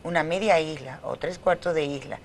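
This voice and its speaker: A woman's voice: low voice, normal speed, a little hiss or hum. A middle-aged woman with a Dominican Caribbean Spanish accent, explaining things as an academic guest in a conversational interview.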